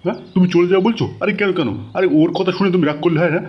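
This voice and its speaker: A man's voice: high-pitched, steady tone, racing, highs cut off, natural voice. A man playing a brash blustering in-law. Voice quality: blustering, hot-tempered, pushy. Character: brash, pushy, lecherous middle-aged man, full of threats. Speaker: the daughter-in-law's father, a co-in-law. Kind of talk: comic audio drama.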